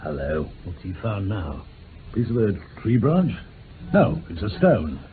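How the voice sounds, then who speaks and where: A man's voice: lowish voice, huge pitch swings, measured pace. A man playing a dour, sceptical police inspector in an old radio drama, blunt and British-accented. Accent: British English. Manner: blunt, exasperated. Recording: tinny, band-limited old radio, clear noise.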